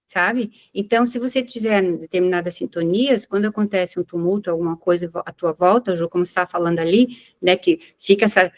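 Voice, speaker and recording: A woman's voice: lowish voice, brisk, hardly any pauses, no room sound. A woman with a Brazilian accent, sharing and explaining her experience earnestly in a group discussion, often checking in with tag questions. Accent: Brazilian Portuguese. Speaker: study group participant.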